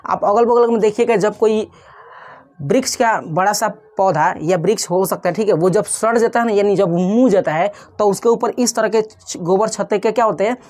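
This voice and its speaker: A woman's voice: mid-range voice, normal speed, darkish tone. Woman, science teacher, conversational lecture, rhetorical questions, frequent check-ins. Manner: conversational, poses and answers its own questions, checks in with "ठीक है" often. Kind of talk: explanatory online class lecture.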